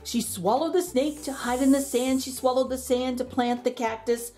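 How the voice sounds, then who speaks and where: Faint music accompanies a middle-aged woman, a channel host and children's story reader, as she reads a picture book with theatrical rhythm and drawn-out line endings. Her voice is high and steady, with a dark tone.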